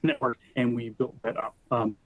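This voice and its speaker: Male panel guest, mid-pitched, very dry close sound, corrupted video-call audio that keeps dropping out, halting delivery. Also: little pitch movement, no room sound, phone-quality sound. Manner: halting, many fillers and restarts. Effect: corrupted audio that keeps cutting out.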